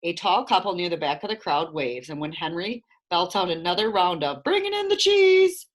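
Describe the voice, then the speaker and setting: A woman narrating a children's storybook in an expressive, lively reading voice. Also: fairly low pitch, fairly quick.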